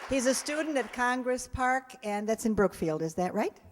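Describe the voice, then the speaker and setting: Addressing both the audience and her cast, the American director of a theater group delivers a chatty thank-you during a live performance in a hall. She speaks at a moderate pace in a slightly high, expressive voice, while the echoey room carries audience sounds and a faint crowd.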